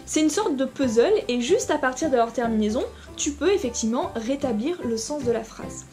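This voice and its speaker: Over soft background music, a female Latin teacher explains a brief lesson in a high-pitched, animated voice with a darkish tone at normal speed. She talks casually to the viewer, hesitating often and using many fillers.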